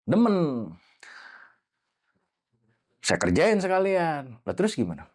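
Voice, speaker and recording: Man, casual storytelling, lively swinging pitch, acts out sounds. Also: slow. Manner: animated, acts out voices and sound effects. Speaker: guest storyteller.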